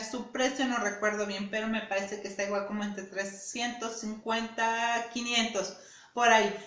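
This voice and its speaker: A woman's voice: fairly high pitch, a bit bright, roomy sound. A woman reviewing perfumes in a casual, chatty way, often repeating herself and asking "¿sí?". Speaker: beauty vlogger.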